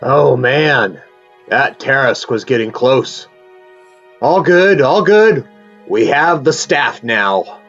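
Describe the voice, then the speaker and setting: A woman's voice: a bass voice, animated, takes it slowly, muffled recording, faint music behind, full character voice. A woman playing a dramatic, devoted male wizard in an acted fantasy scene, grandiose and grave by turns. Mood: relieved, puzzled. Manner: theatrical, swooping between grandiose and grave.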